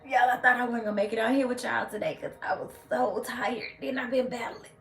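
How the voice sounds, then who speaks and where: Brisk and gravelly, this livestream host's voice sits on the high side, with a steady tone that's fairly bright. She's a woman in her late thirties chatting casually and sassily firing back at commenters, recorded in an echoey room with faint ambience and soft background music.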